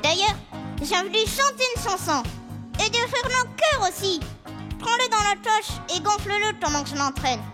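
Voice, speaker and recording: Squeaky, childlike cheeky puppet. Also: male voice, lively intonation, moderate pace, music in the background. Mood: boastful. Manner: cheeky, teasing. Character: brash boyish ventriloquist puppet, vain new star. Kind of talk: ventriloquist comedy act.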